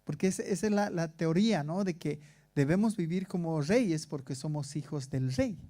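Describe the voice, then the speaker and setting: A man's voice: a little high, lively intonation, moderate pace, mellow. A pastor preaching a sermon to his congregation in a conversational way, asking rhetorical questions. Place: church in Stockholm.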